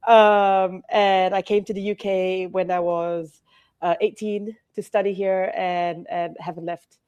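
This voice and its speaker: A Malaysian woman in her forties, CEO of a hotel company, chats as a podcast guest in a casual interview, laughing often, using many fillers, and frequently restarting. Her mid-range voice is slow, smooth, a little mellow and slightly nasal from hay fever, with little pitch movement and the highs cut off.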